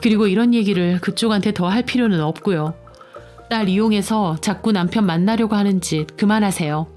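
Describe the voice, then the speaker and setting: A woman's voice: mid-range voice, brisk, darkish tone, faint music behind. Woman narrating a story in first person. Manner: first-person confiding, indignant.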